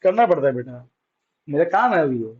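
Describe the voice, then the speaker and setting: A very animated man teaches physics in a fairly quick, fairly high voice with a breathy edge. As a science teacher, he keeps asking questions and coaxingly supplying the answers himself. The classroom audio is dull and lo-fi.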